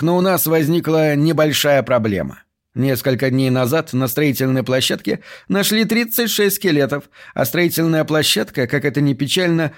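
A squeaky, high-pitched police captain, as a male reader puts him on talks down to his men with put-on heartiness. His voice rides up and stays lively, every phrase sounding mannered and self-important. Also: natural voice. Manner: falsely hearty, condescending.

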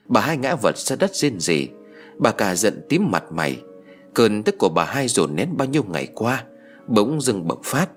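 A man narrating an audiobook story in an expressive storytelling manner. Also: fairly low pitch, normal speed, faint music behind.

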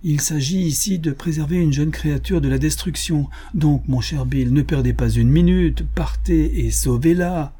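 A man's voice: on the high side, normal speed, few pauses, mellow, slightly rough, pitched above the performer's own voice. A man voicing an earnest grown woman who urges her brother to hurry in a read adventure story. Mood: urgent. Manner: urgent, insistent. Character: earnest grown woman, sister urging haste.

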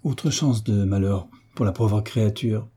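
A man's voice: on the low side, a little slow, warm tone, breathy edge. A man voicing a blunt, affectionate old navy veteran who speaks frankly and firmly. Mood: earnest. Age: older. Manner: frank, firm, plain-spoken.

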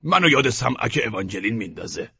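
An eccentric, wine-soaked male friend rambling odd fancies in a raised, bright, husky voice, as a man puts him on for an audiobook. The recording sounds dull and lo-fi. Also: full character voice. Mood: whimsical. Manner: whimsical, excitable, raises voice higher than the narrator.

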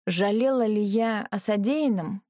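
A woman reading a first-person fantasy audiobook in a measured, earnest way. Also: mid-range voice, mellow, dry recording, studio quality. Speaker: audiobook narrator.

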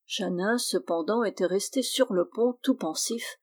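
Lady reading an audiobook, steady and even, middle-pitched voice. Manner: steady, measured narration. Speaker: audiobook reader. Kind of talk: reading a classic novel aloud.

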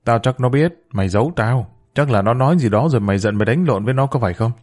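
A man's voice: mid-range voice, fast, lightly acted. A man voicing an angry middle-aged mother who scolds her children about her husband's affair. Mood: scolding. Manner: sharp, scolding.

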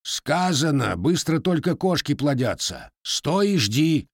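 A proud Cossack blacksmith who speaks curtly and with open contempt, as a male reader puts him on. The voice is pushed up in pitch and firm in tone. Dry, close audiobook recording. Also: very animated, a little slow, darkish tone, no echo. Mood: stern. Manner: curt, contemptuous.

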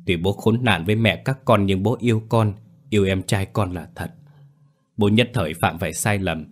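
An actor narrating a guilt-stricken older father who pleads tearfully and confesses. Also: deep voice. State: crying.

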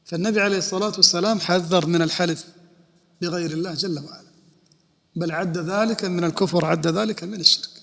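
In a fast, gravelly, somewhat bright high voice, a male Islamic scholar teaches a religious lesson. He poses his own questions about rulings and answers them, and his voice echoes with long hall reverb.

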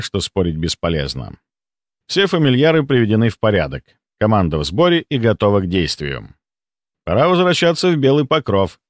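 A man's voice: medium pitch, dry recording. Man narrating an audiobook, dry sound. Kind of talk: scripted narration.

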